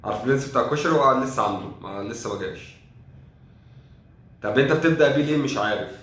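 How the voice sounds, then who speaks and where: Egyptian-accented young male fan, exasperated and sarcastic, rapid casual match recap in a roomy space. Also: mid-range voice, a bit bright, slight background noise. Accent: Egyptian Arabic. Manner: sarcastic, exasperated, thinks aloud. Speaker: football fan commentator.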